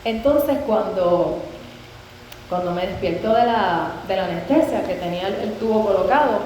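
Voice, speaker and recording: A woman giving a heartfelt personal testimony, an expressive storyteller who acts out remembered dialogue. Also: mid-range voice, moderate pace, highs cut off. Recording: very echoey room with faint background noise.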